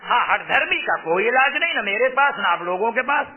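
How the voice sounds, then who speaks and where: Amid crowd noise, a high-pitched male preacher speaks briskly with lively intonation, explaining a fatwa in his sermon. He is emphatic and repeats key phrases. The sound is tinny and phone-like through a loudspeaker microphone near his mouth.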